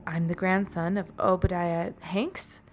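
A woman's voice: on the low side, little pitch movement, unhurried, close to an everyday voice. A woman reading a curious, hesitant grown man. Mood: nervous. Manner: hesitant, stammering when nervous. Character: polite, curious adult man in the woods.

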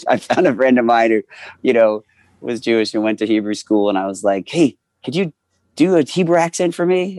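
Male voice actor, 40s, interview guest; low-pitched, bone-dry sound, animated storyteller who acts out his quotes. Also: dry recording.

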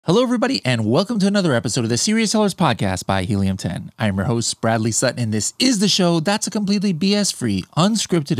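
A man's voice: mid-range voice, dry recording, clean studio sound. A man hosting an unscripted podcast interview, talking loosely with lots of fillers and restarts. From United States. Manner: rambling, with many fillers and restarts. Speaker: podcast host.

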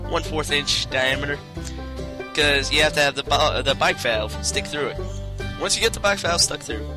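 A man's voice: fairly high pitch, natural voice. A man putting on a Southern accent as a folksy how-to show host, rambling and tripping over part names. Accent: put-on American Southern.

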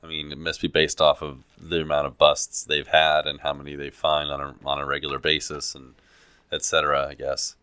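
A man co-hosting a podcast in casual chat, agreeable and quick to chime in with "right". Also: rumbling low, monotone, pushed and bright, clear, resonant tone. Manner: agreeable, frequent "right" backchannels. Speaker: podcast co-host.

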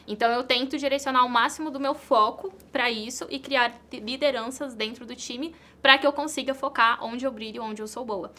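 A woman's voice: on the high side, fairly even intonation, fairly quick, hardly any pauses, pushed and bright. A woman from Brazil, an entrepreneur and content creator answering interview questions in an earnest way, repeating key phrases for emphasis.

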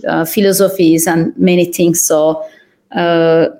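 Young woman from turkey talking on a podcast, thoughtful, lots of uhs and pauses. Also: lowish voice, level tone, dark tone. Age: young adult. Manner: thoughtful, pauses with frequent fillers. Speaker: podcast guest. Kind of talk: conversational interview answers.

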